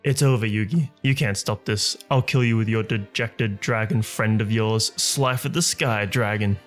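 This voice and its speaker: A man voicing a cruel, vengeful young male rival duelist who smirks coldly and bursts into shouts, with faint music. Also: lowish voice, moderate pace, lightly acted.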